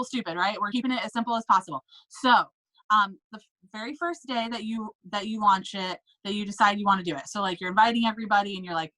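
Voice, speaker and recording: A woman coaching sellers in a casual, upbeat way, stressing points and checking in with quick tag questions. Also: mid-range voice, bright, forceful tone, low-quality recording. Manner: upbeat, emphatic, checks in with "okay?" and "right?". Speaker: direct sales team leader.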